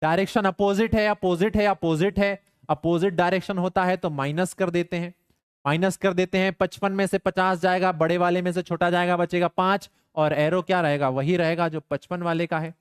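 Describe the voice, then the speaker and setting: A man's voice: sits high, steady tone, normal speed, smooth, no room sound, studio quality. A young man teaching physics in a live online class, mixing stern banter with his students into worked problems. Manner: playful, scolding students in banter.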